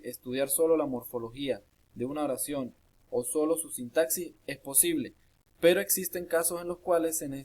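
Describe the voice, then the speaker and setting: A man reading a grammar lesson aloud in a measured, list-like way, with small restarts. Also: a little high, darkish tone. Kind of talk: read-aloud lesson narration.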